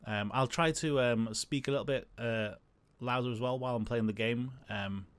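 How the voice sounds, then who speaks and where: A man hosting a gaming channel, chatting casually over gameplay in a hesitant, filler-heavy way, as if thinking out loud. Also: medium pitch, normal speed, dry recording.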